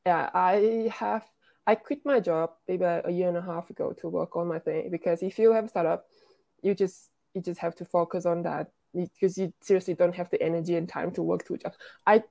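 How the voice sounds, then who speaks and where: A woman's voice: on the low side, fairly even intonation, a little fast, gravelly, darkish tone. A woman, a programmer and founder, talking casually as an interview guest, with lots of restarts and "like". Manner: chatty, frequent "like" and restarts.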